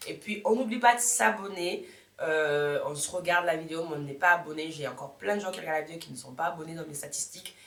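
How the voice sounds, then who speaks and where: A woman's voice: low-pitched, quick pace, fairly bright tone. A woman in her thirties talking casually to her viewers in a motivational vlog, chatty and repeating words for emphasis, often correcting herself as she goes. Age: 30s. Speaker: YouTuber. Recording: echoey room.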